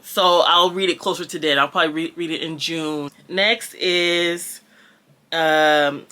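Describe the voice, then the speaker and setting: This Jamaican-born woman speaks in an American Valley girl accent with a fairly low pitch that sounds pushed and bright. Working as a book reviewer, she rambles casually about books, full of fillers and laughs.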